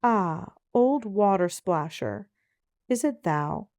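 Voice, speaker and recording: A woman's voice: medium pitch, lively intonation, slow, a little mellow, no echo, studio quality. A woman voicing a spoiled, fickle young princess in a fairy tale read aloud, with careful, archaic speech. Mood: tearful complaint.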